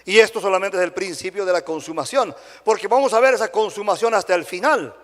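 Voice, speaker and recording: A pastor with a Dominican Spanish accent preaches animatedly in a church sanctuary, his high voice moving fast under long hall reverb. He keeps checking in with the congregation through short tag questions like "right?".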